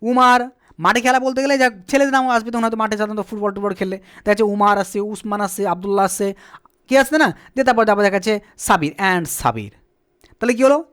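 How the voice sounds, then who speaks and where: A man's voice: high-pitched, fairly bright tone, clear, resonant tone. Patient male teacher quizzing himself. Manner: asks and answers his own questions; slowly spells out words letter by letter. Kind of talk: spoken English grammar lesson.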